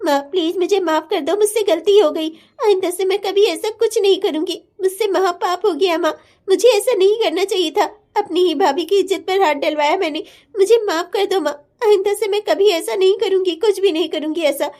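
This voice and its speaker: A woman's voice: extremely high pitch, a little fast, darkish tone. A woman voicing a spoiled young sister-in-law who whines and begs forgiveness in a cartoon drama. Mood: pleading. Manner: whiny, pleading. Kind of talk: cartoon family-drama dubbing.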